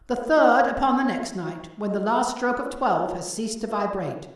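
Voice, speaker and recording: Lady doing a gloomy ghost, slow and grave, booming echo from far off. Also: lively intonation, lightly acted. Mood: solemn. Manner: solemn, slow and declaiming. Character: ghost of a dead old businessman, grave and mournful. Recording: heavy echo, distant from the mic.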